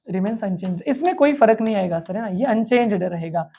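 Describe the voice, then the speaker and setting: A woman teacher giving an exam revision lecture. She asks questions aloud and answers them herself, and she slowly repeats key terms. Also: mid-range voice, mellow. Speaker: chemistry teacher.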